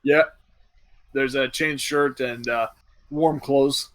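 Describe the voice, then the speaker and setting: A man's voice: mid-range voice, fairly even intonation, slow, a bit bright. A man narrating a tabletop game as game master, easygoing and descriptive, with fillers.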